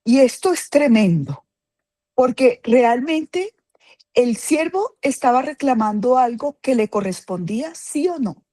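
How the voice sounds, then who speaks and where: A woman teaching a Bible class in a fairly high, mellow voice. She speaks with emphasis, puts questions to her listeners and repeats key phrases. The sound is close and dry. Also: animated, a little slow, no echo.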